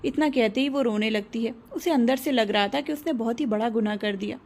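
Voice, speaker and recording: A woman narrating a romance audio serial in a steady storytelling manner, voicing every character herself. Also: on the high side, brisk.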